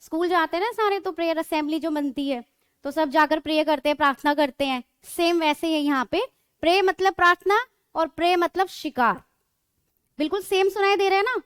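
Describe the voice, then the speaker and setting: A woman's voice: very high-pitched, a little fast, a bit bright, dry recording, studio quality. A woman teaching English grammar in a classroom lecture, explaining patiently and often checking that students follow.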